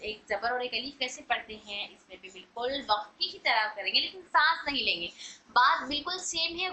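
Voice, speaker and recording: A woman's voice: on the high side, sharp tone, rough recording. A woman teaching an online recitation lesson, patiently explaining and repeating each rule.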